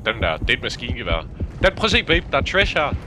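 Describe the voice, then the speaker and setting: A man's voice: medium pitch, huge pitch swings. A man playing a co-op game with a friend, giggling often and shrieking in panic, over a noisy mic with background hum. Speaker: co-op gaming partner. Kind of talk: excited co-op gameplay chat.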